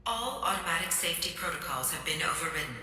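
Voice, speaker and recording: Game station computer, calm and impersonal, low and even, from afar in a big echoing hall. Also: female voice, distant mic, exaggerated voice. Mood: calm instructing. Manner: flat, measured, impersonal warnings. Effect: calm automated computer announcement. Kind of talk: video game cutscene dialogue. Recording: echoey hall voice from afar, loud music behind.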